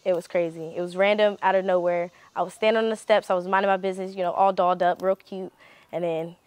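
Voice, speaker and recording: A woman's voice: on the low side, level tone, quick pace, a little mellow. A woman in a reality show confessional telling a story with sassy, dry remarks. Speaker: reality show cast member. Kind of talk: confessional interview. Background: music.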